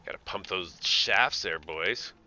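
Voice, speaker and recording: A streamer with a low-pitched voice gives slow, casual live commentary while playing a game, thinking aloud, muttering to himself, and tossing playful asides to the characters. His voice sounds pushed and bright, the highs are cut off, and soft music plays in the background.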